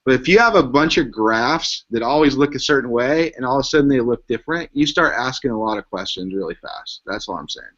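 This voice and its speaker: A man's voice: mid-range voice, animated, a bit bright. Conversational man on lo-fi audio. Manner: quick, conversational, fond of "like" and "right". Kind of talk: casual tech panel chat. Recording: dull lo-fi stream audio.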